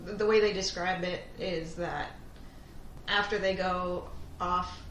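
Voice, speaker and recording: A woman's voice: fairly low pitch, steady tone, unhurried, a bit bright, roomy sound, slight background noise, rough recording. A woman co-hosting a podcast in casual chat, hesitant and searching for words. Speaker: podcast co-host.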